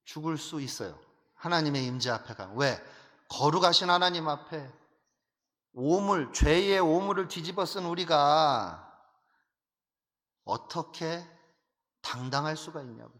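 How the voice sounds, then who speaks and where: A male pastor preaching an animated sermon, full of rhetorical questions and emphatic repetition. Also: on the high side, a little slow, pauses often. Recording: long hall reverb.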